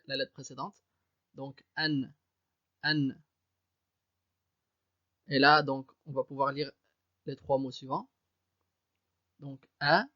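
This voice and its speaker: A man's voice: a little high, sharp tone, no room sound, muffled recording. A man teaching Arabic reading, patiently sounding out each syllable and repeating it. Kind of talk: step-by-step reading lesson. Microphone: USB desk microphone.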